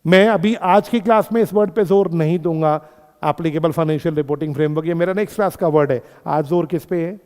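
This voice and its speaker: A man with a high, smooth, resonant voice teaching a class. He keeps asking his students questions and repeats the key terms slowly so they can write them down. The sound has a long, hall-like reverb. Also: a little mellow. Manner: addresses students as beta and friends. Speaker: accountancy teacher. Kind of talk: classroom lecture.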